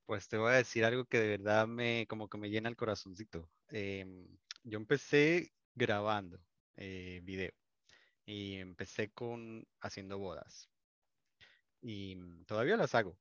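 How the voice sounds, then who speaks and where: Colombian man, low voice, videographer guest, chatty storyteller, dry muffled sound. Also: measured pace, no room sound. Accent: Colombian Spanish. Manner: warm storytelling, many restarts. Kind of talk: casual interview chat.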